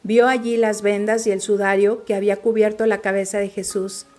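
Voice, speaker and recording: A woman reading scripture aloud at an even storytelling pace. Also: medium pitch, fairly quick. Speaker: scripture reader.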